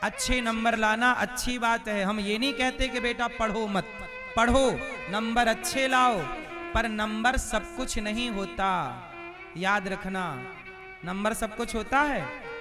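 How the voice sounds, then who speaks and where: Instrumental devotional music accompanies a man preaching a sermon at a live religious gathering, where he throws rhetorical questions at the crowd. He tells his religious stories slowly in a very high voice.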